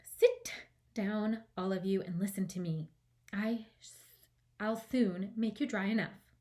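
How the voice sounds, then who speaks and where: A woman voicing a small, touchy mouse with a shrill, trembling voice and an indignant, self-important manner in a children's storybook reading. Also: huge pitch swings, takes it slowly, a little mellow, full character voice. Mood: commanding.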